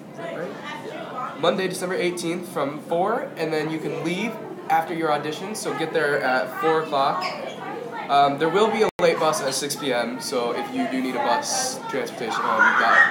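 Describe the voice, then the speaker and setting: A man's voice: fairly high pitch, normal speed. A male host reading school announcements in a casual, chatty way, sometimes correcting himself. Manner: informal, chatty, self-correcting. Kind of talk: casual scripted announcements with ad-libs. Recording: echoey room, clear background noise.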